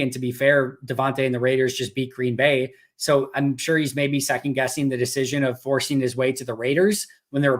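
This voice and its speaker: A man hosting a live fan Q&A podcast, chatting casually and thinking aloud, his voice getting worn out. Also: mid-range voice. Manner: conversational, thinks aloud with restarts. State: losing his voice. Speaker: podcast host.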